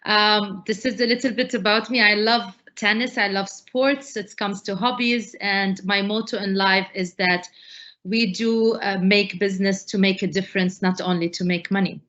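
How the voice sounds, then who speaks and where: A middle-aged woman from Lebanon speaks as an interview guest, eager and full of "uh" fillers. Her voice is bright and forceful. The sound is dull and lo-fi, as over a video call. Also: medium pitch, steady tone, moderate pace. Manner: enthusiastic, many "uh" fillers. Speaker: startup advisor, guest. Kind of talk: interview answers.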